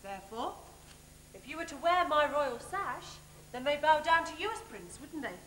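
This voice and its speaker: A young English actress playing a genial, restless young prince in a stage pantomime, projecting every word in a declamatory style. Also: female voice, high-pitched, big pitch swings, normal speed, fairly bright tone. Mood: persuasive. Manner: declamatory, carefully enunciated. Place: large theatre stage, far camera. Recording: echoey, noisy theatre videotape.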